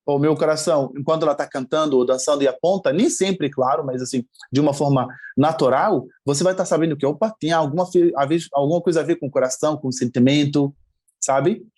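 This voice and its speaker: A man with a somewhat high voice speaks as a podcast guest and teacher. He explains step by step, pausing on fillers and checking that he is understood. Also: darkish tone. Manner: explanatory, frequent "sabe?" and hesitations. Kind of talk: casual interview chat.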